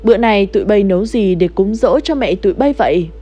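A woman's voice: medium pitch, animated, brisk, warm tone, husky, lo-fi sound. A woman voicing a frightened older village wife, agitated and pleading. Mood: puzzled.

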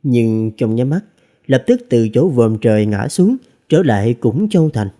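A man narrating a fantasy novel as an audiobook reader, with expressive storytelling. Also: medium pitch, normal speed.

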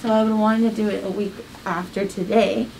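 A woman dentist speaks through a face mask, her words a little muffled as she explains treatment to a patient. She is easygoing and chatty, with a gravelly edge to her voice. The recording carries clear background noise from the dental office. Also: medium pitch, steady tone, a little fast, darkish tone. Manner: easygoing, chatty, many "like" fillers.

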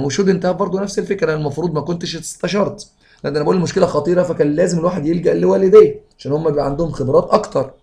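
Egyptian guy teaching english grammar, rapid-fire, gravelly voice. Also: fairly high pitch, darkish tone. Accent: Egyptian Arabic. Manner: fast, reads English sentences slowly then explains in Arabic. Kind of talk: explaining grammar exercises.

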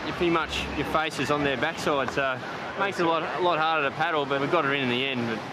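A man's voice: fairly high pitch, fast. A middle-aged man, a chief lifeguard, talking in a matter-of-fact way outdoors on a beach. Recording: loud surf noise.

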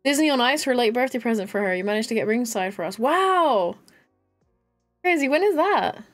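A woman's voice: fairly high pitch, animated, moderate pace, soft background music. A woman streaming a game, chatting casually with viewers and a friend and laughing often. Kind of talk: casual live-stream chat while gaming.

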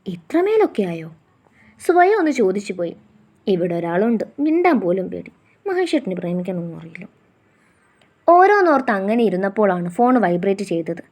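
A woman reading a first-person romantic story aloud in a soft storytelling way. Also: medium pitch, very animated, brisk. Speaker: story narrator.

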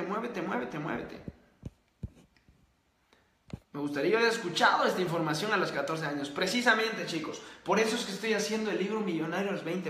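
A young man hosts a motivational live stream, pushing his points hard and repeating them. His voice sits high and sounds bright and forceful. The room around him is echoey. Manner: emphatic, preachy, repeats points and asks rhetorical questions. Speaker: host. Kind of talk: live-stream motivational talk, reading viewer comments. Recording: roomy echo.

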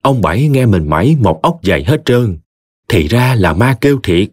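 A man with a Southern Vietnamese accent narrating a story in an expressive, folksy way. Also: on the low side, normal speed, husky, dry recording, studio quality.

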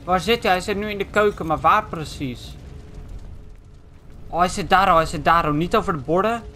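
A young man from the Netherlands giving excitable, foul-mouthed let's play commentary, tossing in English slang. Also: high-pitched, normal speed, soft background music. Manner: excitable, swears a lot, drops English slang. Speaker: gaming channel host.

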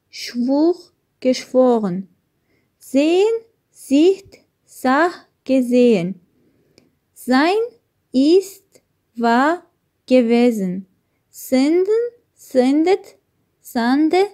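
A woman teacher reading out verb forms one by one for learners, slow and deliberate, with each first form pitched up and each last form dropping low. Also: a little mellow. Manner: slow, deliberate listing with a pause after each word. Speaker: language teacher.

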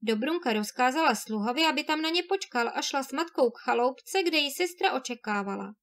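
A woman narrating a classic fairy tale in a clear, measured reading. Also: high-pitched, expressive, fairly bright tone.

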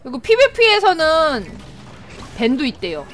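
A woman's voice: high-pitched, normal speed, faint music behind. A woman streaming a game live, talking through her plays, yelping and laughing at hits and kills. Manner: excitable, yelps and laughs at plays. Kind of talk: live gameplay commentary.

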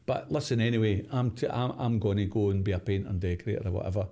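A Glaswegian man in his sixties tells his stories with a fairly low, mellow voice. He is animated and acts out what others said. He breaks into laughs often. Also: fast talker. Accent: Glaswegian Scottish. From Glasgow, Scotland. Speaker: interview guest, former footballer. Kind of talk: casual storytelling interview.

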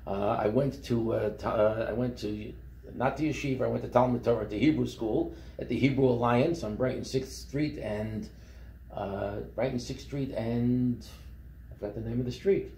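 A man recounts his life in a loose, rambling way, full of fillers and restarts. His voice is dark and mellow. It was recorded on a phone across a table in an echoey office with a faint hum behind it. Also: mid-range voice, normal speed. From Brooklyn, New York. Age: 70s. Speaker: company founder. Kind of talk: interview storytelling. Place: office meeting room.

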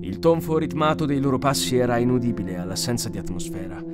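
Expressive male audiobook narrator. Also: mid-range voice, fast talker, over loud music. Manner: expressive, varied reading. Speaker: audiobook reader. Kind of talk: scripted narration.

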